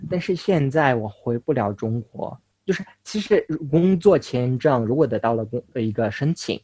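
A young man from Russia, a native Russian speaker, talks casually as an interview guest in foreign-accented Mandarin, halting and correcting himself. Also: medium pitch, lively intonation, a little mellow, slight background noise. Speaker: interview guest, language learner.

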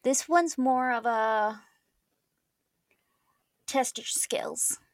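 A woman's voice: on the high side, extremely slow, no echo, clean studio sound. A young adult woman co-hosting a podcast in casual chat, playfully giving prompts and giggling. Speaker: podcast co-host.

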